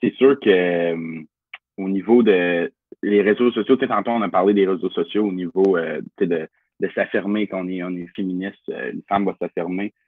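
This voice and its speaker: Husky young man on a tinny line. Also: deep voice, moderate pace, no echo. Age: young adult, 19. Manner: casual, hedging, thinks aloud. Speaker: panelist. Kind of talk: panel discussion. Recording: tinny phone-like line, dry.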